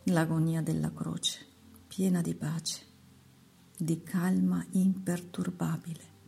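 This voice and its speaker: A woman voicing the Lord as a solemn male divine figure in a slow, measured, hushed devotional reading. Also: low voice, flat delivery, creaky, slightly rough, full character voice.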